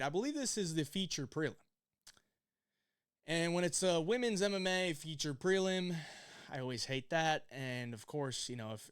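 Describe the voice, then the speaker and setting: A man's voice: medium pitch, clear, resonant tone, no room sound, clean studio sound. A man hosting his own channel, giving loose, opinionated fight betting picks with plenty of fillers and the odd curse. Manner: loose, opinionated, swears casually, many fillers. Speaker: UFC betting picks host. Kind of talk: casual fight predictions.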